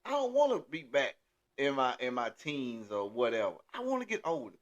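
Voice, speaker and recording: A man's voice: mid-range voice, huge pitch swings, normal speed, dull audio. A man hosting a casual chat, rambling with many restarts and filler phrases. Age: 30s. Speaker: podcast host.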